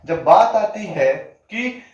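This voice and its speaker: A man teaching an exam-prep grammar lesson. He asks the class questions, answers them himself, repeats definitions slowly with drawn-out words and keeps saying "ठीक है". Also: sits high, animated, a little mellow. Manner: fills gaps with "ठीक है". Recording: echoey, distant, dull lo-fi room sound.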